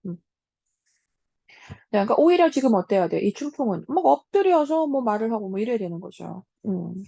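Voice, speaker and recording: A woman teacher giving a casual lecture on a classic story, talking straight to her students with many soft hums between points. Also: fairly high pitch, sing-song, moderate pace, creaky, dry recording. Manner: casual, talks to students as 얘들아 with frequent hums.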